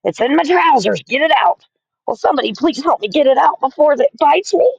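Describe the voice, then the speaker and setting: Reader putting on a panicked male cook, shrieking high, frantic, gravelly edge, dull dry recording. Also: expressive, fairly quick, no room sound.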